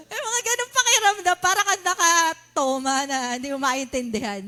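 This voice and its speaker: A woman with a Filipino accent delivers a sermon in a very high, bright voice. She keeps asking the congregation questions and acts out shouting worshippers with animated energy. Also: measured pace. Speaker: preacher.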